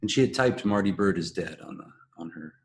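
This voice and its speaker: A man co-hosting a podcast, explaining and analysing in a measured, casual conversational way. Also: sits low, animated. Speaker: podcast co-host. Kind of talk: casual analytical discussion of a TV drama.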